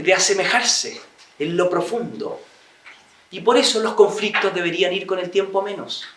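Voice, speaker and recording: A high-voiced man lectures an audience and slips into little acted-out dialogues. He sounds set back from the mic, and his voice rings around an echoey room. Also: recorded from a distance. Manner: acts out little dialogues, animated and chatty. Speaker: speaker giving a talk on marriage.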